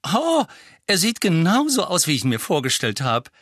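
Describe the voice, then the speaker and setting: Man playing a high bubbly young witch, bright, breathy. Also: wildly swooping pitch, normal speed, no room sound, studio quality, full character voice. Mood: delighted. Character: cheerful brash young witch.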